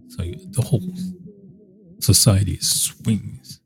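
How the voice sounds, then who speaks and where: A man's voice: on the low side, slow pace, creaky, music in the background. A man hosting a casual solo podcast, rambling and meandering with many fillers and restarts. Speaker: podcast host.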